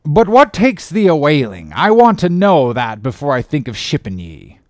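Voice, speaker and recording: A man voicing a gruff, suspicious old male sea captain who blusters loudly in old-fashioned speech. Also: sing-song, normal speed, no echo, clean studio sound. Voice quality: loud, booming, archaic speech.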